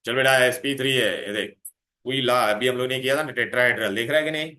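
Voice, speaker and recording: Male chemistry tutor, mid-pitch, quizzing pupils nonstop; roomy echo, bits. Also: fast, sharp tone. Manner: coaxing, calls students "beta", quizzes them constantly. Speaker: chemistry teacher. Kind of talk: revision lecture to students. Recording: echoey room.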